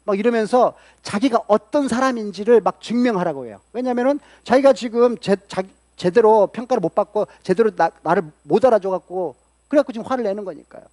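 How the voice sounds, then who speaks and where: A man preaching as a pastor, earnestly asking his congregation questions and acting out angry outbursts in a louder voice. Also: high-pitched, animated, a little fast, no echo. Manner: acts out angry quoted outbursts with a raised voice. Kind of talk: sermon.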